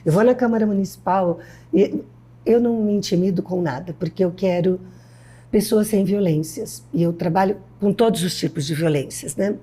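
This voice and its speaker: Husky, mellow-voiced older Brazilian woman. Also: mid-range voice, normal speed. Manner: emphatic, animated storytelling with quoted dialogue. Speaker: guest educator. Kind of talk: interview conversation.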